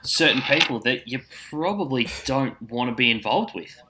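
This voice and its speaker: A man's voice: mid-range voice, expressive, normal speed, noisy background. An Australian man co-hosting a casual podcast chat with his mates, talking in matey, slangy Aussie tradesman fashion. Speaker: podcast co-host.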